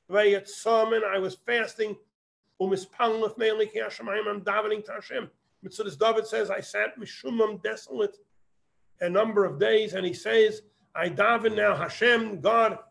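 A man with a high, creaky, slightly bright voice leads a Torah study, working verse by verse as he quotes the Hebrew and then gives its translation.

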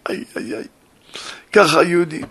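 A rabbi delivering a sermon as a fervent, animated story, with a raspy, gravelly voice. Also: male voice, fairly high pitch.

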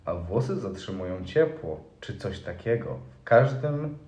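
A man's voice: on the low side, lively intonation, a little slow, a little mellow. Laughing, swearing young man in an echoey room. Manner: swears a lot, laughs, reads forum posts aloud. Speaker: podcast co-host. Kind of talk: casual chat.

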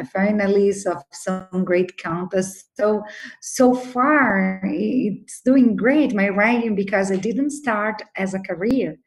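A Brazilian woman in her fifties, an attorney and novelist, answers interview questions as a guest with a Brazilian Portuguese accent. Her medium-pitched voice is hesitant and full of fillers, and the audio quality is poor.

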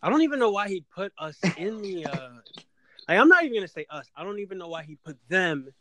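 A man's voice: sits high, sing-song, fast talker, a bit bright, slight background noise. A man from the Washington D.C. area co-hosting a sports podcast in casual chat.

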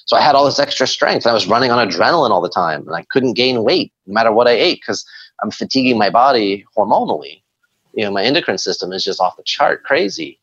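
Lively low-voiced man telling stories. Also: quick pace, slightly rough, lo-fi sound. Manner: animated storyteller, acts out his inner dialogue. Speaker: guest. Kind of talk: conversational interview.

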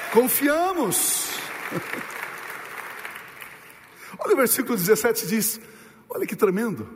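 A male pastor preaching a sermon, asking the congregation rhetorical questions and slowing down and dropping low to stress his points. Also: very animated, big-room sound, crowd noise, background noise.

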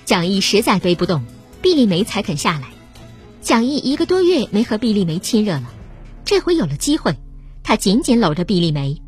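Woman storyteller, lively pitch, steady read. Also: fairly quick, faint music behind. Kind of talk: scripted narration.

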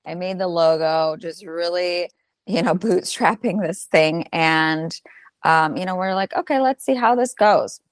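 Woman in her thirties, low voice, chatty and laughing, dry close sound. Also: measured pace, dry recording. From Albanian heritage. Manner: chatty, laughs often, many fillers. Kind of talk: conversational interview.

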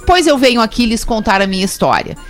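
A woman co-hosting a radio talk show, chatting casually and reading a listener's email aloud in a clear, measured way. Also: on the high side, big pitch swings, faint music behind.

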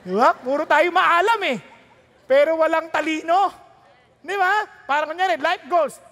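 A woman's voice: very high voice, moderate pace, fairly bright tone, big-room sound. A woman pastor preaching a sermon, throwing rhetorical questions and jokes at the congregation while mixing Tagalog and English.

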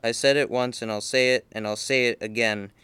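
A man's voice: mid-range voice, fairly even intonation, brisk, fairly bright tone, clear, resonant tone, no echo, natural voice. A man reading aloud, voicing a defiant elderly mother who refuses to give up her house. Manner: firm, commanding.

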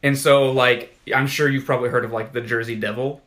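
A man's voice: mid-range voice, fairly even intonation, brisk, a bit bright. A man co-hosting a podcast in casual chat, rambling with lots of fillers and restarts. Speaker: podcast co-host.

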